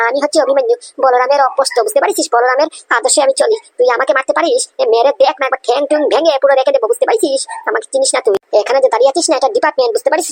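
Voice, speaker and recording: A woman voicing a defiant, honest young male police officer in a cartoon comedy, scolding in a rapid tirade. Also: high-pitched, natural voice. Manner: scolding, rapid, repeats "understand?".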